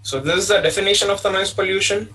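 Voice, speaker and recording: A man's voice: sits high, steady tone, quick pace, pushed and bright. A man giving an online engineering lecture, explaining patiently and repeating himself, with frequent "okay" fillers. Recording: distant mic sound.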